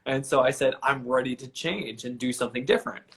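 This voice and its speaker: A man's voice: medium pitch, fairly quick, creaky, a bit bright. A man hosting a casual live video chat, earnest and enthusiastic as he shares a story. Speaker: host.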